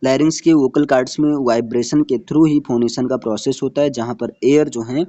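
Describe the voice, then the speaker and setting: A man teaching a lecture from slides. He repeats each definition and keeps asking whether it is clear, and he slows down when he says English technical terms. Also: medium pitch, fairly even intonation, dark tone, dry recording, dull audio. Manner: checks in often with "clear hai?". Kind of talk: Hindi lecture walking through slides.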